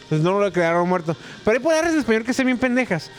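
High-pitched Mexican man, slangy podcast chat. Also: sing-song, racing, faint music behind. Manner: repeats words, laughs loudly, heavy slang. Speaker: podcast co-host. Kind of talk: casual chat.

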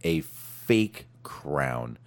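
A man's voice: extremely low pitch, animated, very slow. A man co-hosting a wrestling podcast in casual chat, blunt and profane, rambling with frequent restarts.

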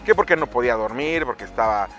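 A man's voice: medium pitch, lively intonation, fast talker, music in the background. A man co-hosting a podcast, playfully telling anecdotes in casual chat and mimicking his mother. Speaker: podcast co-host.

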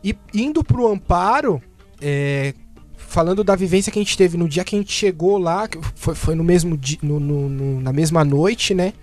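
A man's voice: fairly high pitch, moderate pace, a little mellow, faint music behind. A man, talking as a panel guest in a casual discussion, hesitant and often tagging his sentences with questioning asides.

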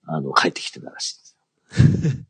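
A man's voice: fairly quick, no echo. A man co-hosting a podcast, telling an anecdote in casual chat, rambling with many fillers and restarts. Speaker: podcast co-host.

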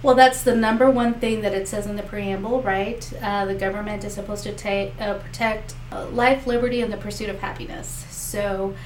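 Answering interview questions as a political candidate, a native Spanish-speaking woman sounds earnest, with many fillers and restarts, yet hardly pauses. Her medium-pitched voice holds a steady tone at a moderate pace, recorded from a distance in an echoey room with faint noise.

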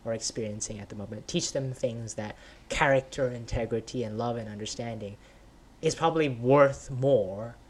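A man chatting as a guest on a podcast, telling a long story in a rambling, casual way. He keeps checking in with "right?" and scatters "like" and "sort of" through his talk. His voice sits at an ordinary middle pitch. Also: moderate pace, slight background noise. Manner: rambling, many "right?", "like", "sort of" fillers, frequent laughs. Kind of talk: casual conversation.

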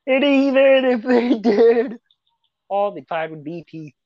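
Woman putting on a slow gloating villain. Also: on the high side, lively intonation, a little mellow, no echo, highs cut off, pitched above the performer's own voice. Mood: gloating menace. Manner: slow, drawn-out, gloating delivery. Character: menacing villain threatening a victim.

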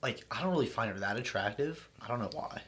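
A young man co-hosting a podcast in casual chat, swearing often and trailing off quietly at the ends of his thoughts. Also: mid-range voice, lively intonation, fast, a crowd in the background. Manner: profane, rambling, trails off quietly. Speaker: podcast co-host.

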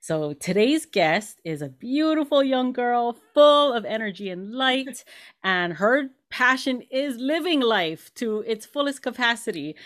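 A woman's voice: fairly high pitch, a bit bright. A woman hosting an interview show, introducing her guest in an effusive, gushing way and laughing often. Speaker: host.

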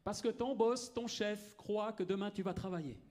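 A man interprets a sermon live, catching each phrase and restating it, sometimes correcting himself mid-line. His voice is a touch high for a man. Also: a little mellow. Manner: quick, repeats and rephrases.

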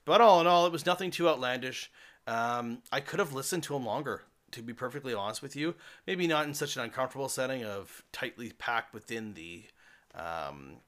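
A man's voice: medium pitch, lively intonation, brisk, a bit bright. A man hosting a podcast alone, giving a casual, rambling review with many fillers and restarts. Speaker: podcast host.

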